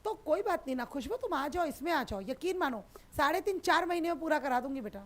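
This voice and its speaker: Female tutor, high pitch, affectionate and reassuring, live online class. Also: animated, fast, a bit bright. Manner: affectionate, reassuring, calls students beta. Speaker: sociology teacher.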